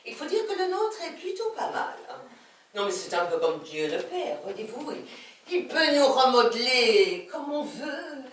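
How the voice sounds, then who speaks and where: Actress as a nosy, confiding clinic patient, high and lively voice, echoey stage from far off. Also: female voice, measured pace, a little hiss or hum. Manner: chatty, confiding, knowing. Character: chatty older female clinic patient, gossipy. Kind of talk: live stage comedy acting.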